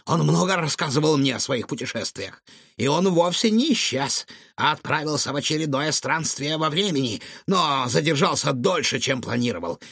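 A man voicing an excitable bearded male cook who blurts out indignant outbursts. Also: on the high side, moderate pace, vocal fry, breathy edge, no echo, clean studio sound, heavily acted. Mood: explaining.

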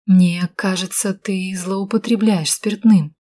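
A woman reading an audiobook, voicing a cool, calculating woman who speaks in a calm, measured and insistent way. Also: medium pitch. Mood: cold, insistent. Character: cool, calculating woman, steady under pressure.

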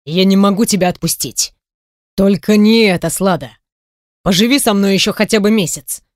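A woman's voice: medium pitch, normal speed, dry recording, close to an everyday voice. Woman reading moody possessive young man, earnest pleading tone, dry close sound. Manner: earnest, insistent.

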